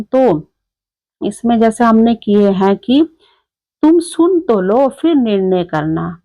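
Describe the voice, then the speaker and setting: A woman's voice: mid-range voice, a little mellow, dry recording. Woman teacher, patient classroom explainer, dull dry recording. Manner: explanatory, repeats "theek hai" checks.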